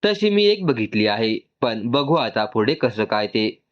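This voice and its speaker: Middle-aged mother figure, affectionate and teasing, slightly raised pitch, read by a man, muffled lo-fi sound. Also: very animated, a little slow.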